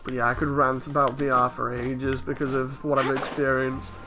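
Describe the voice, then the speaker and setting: A man's voice: mid-range voice, level tone, normal speed, music in the background, rough recording. A man streaming a game, chatting casually in a rambling, conversational way. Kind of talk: casual livestream chat over a game.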